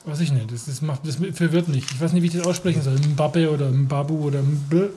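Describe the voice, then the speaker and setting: A man's voice: fairly high pitch, fairly even intonation, brisk, dark tone, slight background noise. A man from Germany in casual conversation as a podcast co-host, chatty, easily sidetracked, laughing often. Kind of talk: casual chat.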